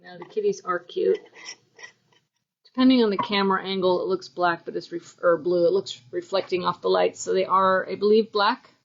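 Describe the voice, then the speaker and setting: A woman's voice: mid-range voice, fairly even intonation, moderate pace, highs cut off. Bubbly woman co-host cooing over crafts. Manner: bubbly, coos over cute items. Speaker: livestream co-host. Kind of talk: casual product showcase livestream.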